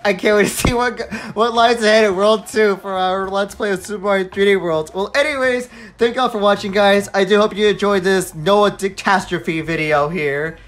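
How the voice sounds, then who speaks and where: A man's voice: high-pitched, normal speed, few pauses, fairly bright tone. A man hosting a co-op game let's play in casual chat, laughing often and wrapping up the episode.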